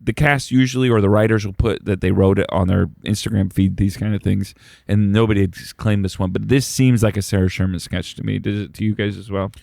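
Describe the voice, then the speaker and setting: A man's voice: on the low side, steady tone, fairly quick, vocal fry, few pauses, darkish tone, no echo, studio quality. A man co-hosting a podcast, reading out sketch summaries and chatting casually about them. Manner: reads sketch summaries, then chats loosely. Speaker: podcast co-host. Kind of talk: casual chat recapping sketches.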